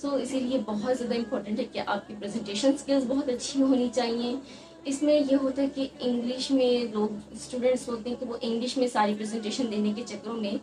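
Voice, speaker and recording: A young woman with a higher voice gives earnest advice to students in a casual vlog, mixing English words into her talk. She sounds a little distant from the mic. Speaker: fashion design student giving advice.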